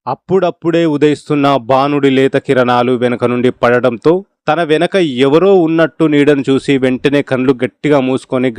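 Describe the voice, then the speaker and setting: A man reads a horror story aloud with a smooth, resonant voice, recorded dry and close with no room sound. He takes on every character's lines himself and moves quickly between the speakers. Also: medium pitch, a little mellow, no room sound. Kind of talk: scripted narration of a horror story.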